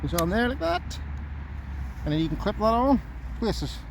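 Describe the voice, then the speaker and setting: A man's voice: high-pitched, sing-song, normal speed, poor audio. Man chatting casually outdoors over road noise. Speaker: camping vlogger. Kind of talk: casual outdoor vlog talk to camera. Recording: clear outdoor background noise, nearby road.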